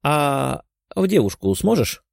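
A man's voice: fairly high pitch, big pitch swings, unhurried, vocal fry, no echo, studio quality, voice pushed up, exaggerated voice. A man voicing a playful, cheeky blue-haired young woman with a teasing, giggly way of talking. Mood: eager.

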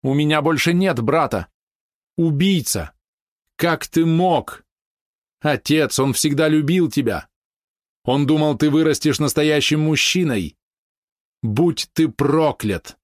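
A man's voice: medium pitch, normal speed, dry recording, studio quality, pitched above the performer's own voice, natural voice. A man voicing a grieving young princess in an audiobook, bitter and accusing. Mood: furious.

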